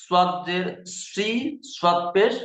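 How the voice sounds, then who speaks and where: A man's voice: sits high, level tone, normal speed, a bit bright. A man teaching a Quran recitation class, patiently drilling each letter sound and repeating syllables. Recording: echoey room.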